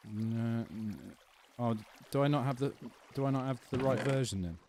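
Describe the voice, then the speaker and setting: A man's voice: mid-range voice, moderate pace, a little mellow, slight background noise. A man with a London accent chatting casually on a gaming livestream, answering viewer questions in a laid-back way. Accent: London English. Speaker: gaming streamer.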